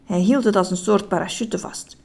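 A woman reading a children's story aloud in an expressive, animated way. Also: mid-range voice, moderate pace, gravelly.

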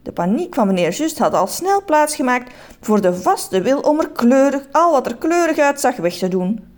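A woman reading a children's story aloud in an expressive, animated way. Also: high voice, normal speed.

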